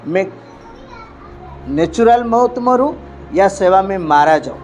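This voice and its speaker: A male pastor from India preaching a sermon emphatically, with frequent hallelujahs and swings between loud and hushed delivery. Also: high-pitched, expressive, slow pace, a little hiss or hum.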